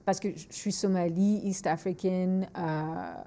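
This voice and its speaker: Her voice is lowish and her pace measured. She's a podcast host in her forties from Montreal, Canada, with the city's French accent, sharing frank stories energetically, hopping between English and French, and echoing her own words as she gathers her thoughts.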